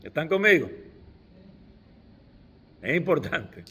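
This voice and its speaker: Slow, emphatic man preaching. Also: on the high side, sing-song, pushed and bright, breathy edge. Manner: emphatic, rising to stress key words, with restarts. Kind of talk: sermon.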